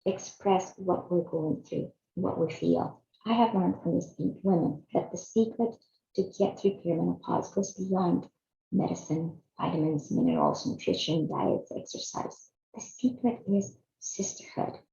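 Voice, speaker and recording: Speaking a little slowly, a Chilean woman in her fifties earnestly narrates her own personal video series. Her lowish, dark voice carries vocal fry yet has lively intonation. The recording has an echoey, slightly dull room sound.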